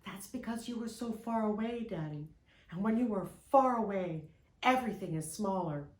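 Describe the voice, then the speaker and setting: A woman's voice: mid-range voice, expressive, normal speed, a little mellow, natural voice. A woman voicing an earnest little girl of six. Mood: confiding. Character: six-year-old girl, earnest and wondering. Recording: roomy echo.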